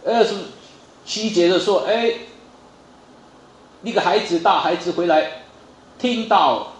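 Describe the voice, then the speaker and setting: A man's voice: sits high, lively intonation, slow pace, echoey room. A man preaching a sermon in a conversational way, with fillers and frequent rhetorical questions. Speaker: pastor.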